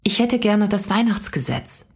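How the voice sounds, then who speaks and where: A woman's voice: mid-range voice, very animated, normal speed, breathy edge, pitched above the performer's own voice. A woman voicing a curious, stubborn little girl in a storybook reading, speaking earnestly and asking question after question.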